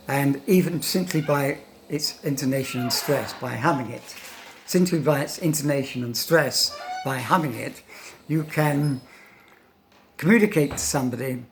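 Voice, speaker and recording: An older male teacher talks through his lesson in a thoughtful, unhurried way, pausing often and stressing single words to show how they sound. His voice sits at a middle pitch, and he checks in with his listener with a quick "no?" after his points. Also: slight background noise. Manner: thoughtful, pausing, demonstrates intonation aloud; tags questions with "no?". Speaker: English teacher. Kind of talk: informal spoken lesson.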